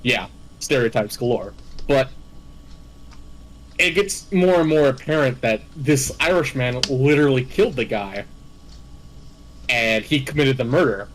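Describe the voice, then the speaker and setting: A man's voice: mid-range voice, animated, unhurried, pauses often, slight background noise, rough recording. Rambling laid-back male game host. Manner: rambling, laughing, self-correcting storyteller. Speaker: host recapping game villains. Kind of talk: casual chat.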